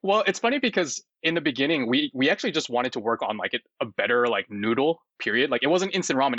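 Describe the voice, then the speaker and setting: A man of about thirty, a startup founder, talks in a relaxed, rambling way full of fillers, often laughing as a guest in an interview. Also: medium pitch, no room sound, dull audio. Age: 30s. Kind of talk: casual interview chat.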